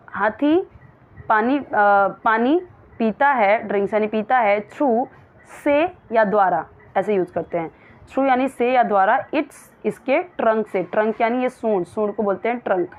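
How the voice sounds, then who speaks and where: A woman teaching English in Hindi, reading example sentences slowly and explaining each word. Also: on the high side. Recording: dull lo-fi recording.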